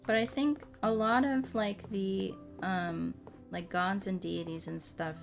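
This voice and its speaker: A woman with a gravelly, medium-pitched voice and fairly even intonation speaks slowly while streaming a game. As streamer and host, she chats casually and thinks aloud in a loose, rambling way. Music plays behind her throughout.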